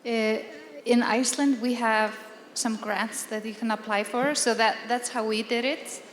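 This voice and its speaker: A woman's voice: fairly high pitch, fairly even intonation, measured pace. A woman panelist answering candidly on stage, with frequent hesitations. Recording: echoey hall with faint noise.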